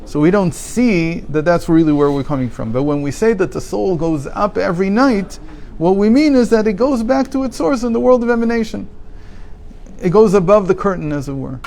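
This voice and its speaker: Measured man teaching a text class. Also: high voice, expressive, vocal fry, a little mellow, a little hiss or hum. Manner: explanatory, poses rhetorical questions; measured, reads and translates passages aloud. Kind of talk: daily religious text class.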